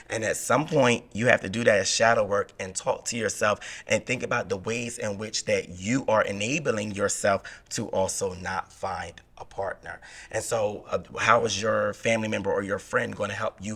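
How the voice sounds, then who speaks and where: A man in his thirties, a therapist, explaining things in a relaxed podcast chat and asking rhetorical questions. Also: fairly low pitch, moderate pace, few pauses, breathy edge. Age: 30s. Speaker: therapist guest.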